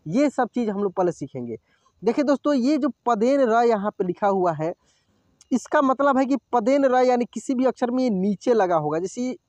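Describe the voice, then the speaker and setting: A man teaching a Hindi reading lesson, saying each word slowly and clearly, then repeating it, and often checking with his viewers. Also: high voice, darkish tone, dry recording. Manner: addresses viewers as friends, checks with "okay?". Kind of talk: slow classroom reading lesson.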